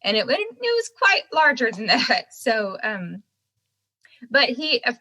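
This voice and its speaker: Bright-voiced American woman, slightly lopsided speech. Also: on the high side, big pitch swings, slow pace. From United States. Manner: chatty, laughs as she talks. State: mouth swollen after surgery, talking out of one side. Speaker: podcast guest, singer-songwriter. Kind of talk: casual chat.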